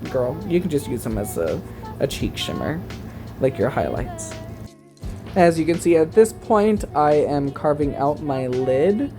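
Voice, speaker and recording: Sassy, mellow-voiced male drag queen. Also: a little high. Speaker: drag queen makeup tutorial host. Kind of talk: casual tutorial voice-over.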